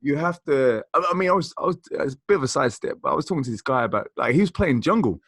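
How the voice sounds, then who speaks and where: Animated and talking very fast, a man in his 40s from South Croydon, London, England, co-hosts a podcast about music. His mid-range voice has a fairly bright tone with no room sound, and his enthusiastic, rambling chat is full of "you know."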